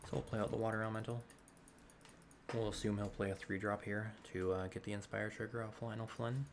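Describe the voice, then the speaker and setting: A man's voice: fairly low pitch, level tone, brisk, noisy background. A man giving dry, sarcastic, rambling commentary over his gameplay at home into a desk mic. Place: home room.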